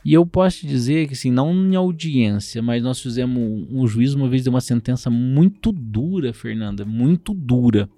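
A man's voice: medium pitch, moderate pace, hardly any pauses, no room sound. A man from Brazil, a lawyer in a conversational interview, acting out courtroom exchanges as he explains. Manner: animated, acts out courtroom exchanges.

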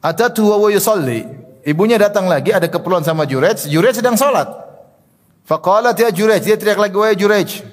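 A man's voice: sits high, lively intonation, fast talker. Man teaching in a reverberant hall. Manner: explains Arabic terms and narrations, often adds "ya" and "apa namanya". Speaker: Islamic teacher. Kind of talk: religious study lecture.

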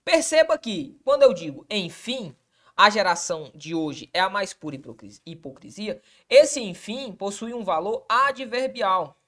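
Woman, Brazilian Portuguese accent, grammar teacher, exam-prep lecture, rhetorical questions, middle pitch. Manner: lively, asks quick rhetorical questions and answers them.

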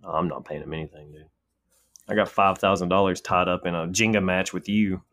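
A man's voice: low voice, fairly even intonation, brisk, a bit bright. A man co-hosting a podcast in casual, sweary chat full of bro slang. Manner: slangy, bro-heavy talk. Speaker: podcast co-host.

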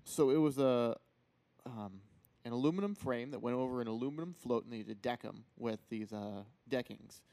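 A man's voice: mid-range voice, normal speed, warm tone. A man hosting a podcast in casual conversation, with an enthusiastic, playful way of talking. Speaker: podcast host. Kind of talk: casual chat.

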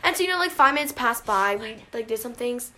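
A woman's voice: fairly high pitch, animated, fast. A young woman chattily telling a story to friends, full of fillers. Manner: bright, chatty, filler-heavy. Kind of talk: casual group storytelling.

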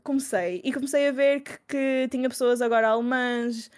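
Young female guest, 20s, from Lisbon, European Portuguese accent with a northern tinge, slightly high voice, frank and talkative. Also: steady tone, normal speed, clear, resonant tone. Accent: European Portuguese, Lisbon with northern Portuguese influence. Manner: chatty and frank, with frequent restarts. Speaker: guest streamer. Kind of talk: casual interview chat.

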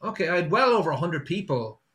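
A man's voice: sits high, sing-song, fast, sharp tone. A man with a west of Ireland accent from Sligo, chatting casually and telling anecdotes as an interviewed musician.

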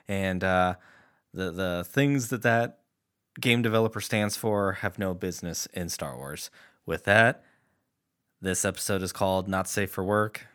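Low-voiced man hosting a podcast. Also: a little slow, fairly bright tone. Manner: chatty and upbeat, with filler words. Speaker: podcast host. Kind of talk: casual podcast chat.

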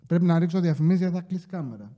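A young man hosting a podcast, telling workplace stories in animated, rapid bursts, mimicking customers and cursing in exasperation. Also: fairly high pitch, lo-fi sound. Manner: exasperated, swears. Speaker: podcast host. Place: indoor podcast set.

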